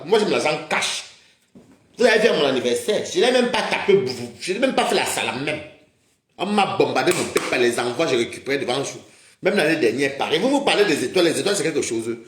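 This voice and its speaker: An agitated man hosting a livestream, scolding and mocking his viewers in a heated rant and calling them maman. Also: a little high. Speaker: livestream host. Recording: roomy echoey sound.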